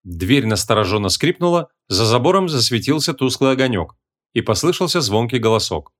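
A man narrating a humorous fantasy audiobook with a lively, expressive reading. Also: medium pitch, a little fast.

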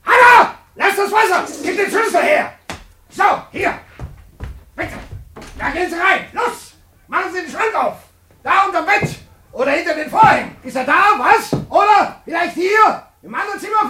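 A spiteful landlord neighbor in an old radio play. His voice is strikingly high and sharp, jumping about in pitch. He sneers and shouts taunts. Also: expressive, moderate pace, creaky, full character voice. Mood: raging. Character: resentful, spiteful landlord neighbor, adult man. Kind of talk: 1950s radio play acting.

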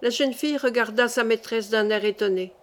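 A woman narrating a classic novel as an audiobook in a steady, measured way. Her voice sits a little high for a woman.

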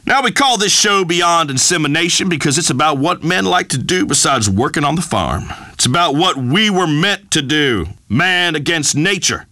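A blustering macho radio host. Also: male voice, a little high, expressive, moderate pace, hardly any pauses, bright, forceful tone, dry recording. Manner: blustering, pompous pronouncements. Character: boorish macho rural male radio host. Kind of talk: comedic talk radio monologue.

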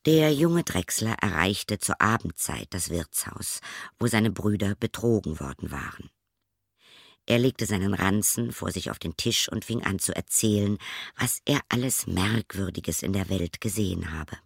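Lively low-voiced male storyteller. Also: measured pace, gravelly, no room sound, clean studio sound. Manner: expressive storyteller reading. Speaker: narrator. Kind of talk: fairy tale reading.

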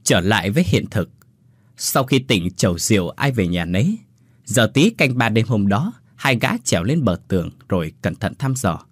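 A man narrating a story in a scripted style, lively and shifting his voice for the characters. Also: lowish voice, normal speed, husky, no echo, studio quality.

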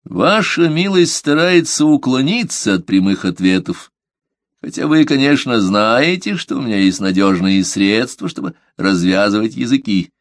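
A stern, grim inquisitor, as an audiobook reader puts him on, pressing each question coldly and probingly. The voice sits a touch low and is recorded dry and close, with no room sound. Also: male voice, expressive, normal speed, no room sound, natural voice. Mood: interrogating. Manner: cold probing interrogation. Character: stern grim male inquisitor, older cleric. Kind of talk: audiobook character reading.

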